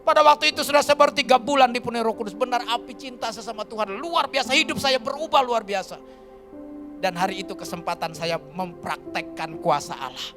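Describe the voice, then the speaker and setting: A male pastor from Kalimantan preaching a sermon in a lively, colloquial storytelling manner, often turning to the congregation as he talks. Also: very high-pitched, fairly quick, soft background music. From Kalimantan, Indonesia. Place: church.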